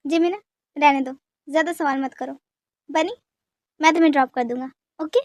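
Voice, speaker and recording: A woman voicing a calm, protective father who speaks in a firm, level way. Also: high-pitched, moderate pace, no echo, clean studio sound, close to an everyday voice.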